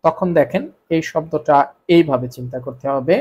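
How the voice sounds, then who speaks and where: A man's voice: on the high side, moderate pace, warm tone, slightly rough. A Bengali-speaking man teaching Korean spelling rules, repeating each point and answering his own questions. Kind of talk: explaining grammar rules to students.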